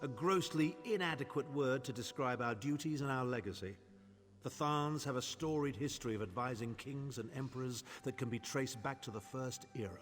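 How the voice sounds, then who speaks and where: A man's voice: medium pitch, normal speed, natural voice. An actor playing a haughty, scheming aristocratic male chancellor in a video game, speaking pompously. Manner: pompous, grandiloquent.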